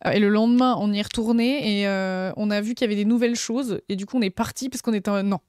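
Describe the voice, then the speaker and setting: A woman's voice: medium pitch, fairly even intonation, quick pace, a little mellow, smooth, no echo, clean studio sound. A young woman, chatting casually on a live stream and gushing over her convention finds with lots of fillers. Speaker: streamer showing convention purchases.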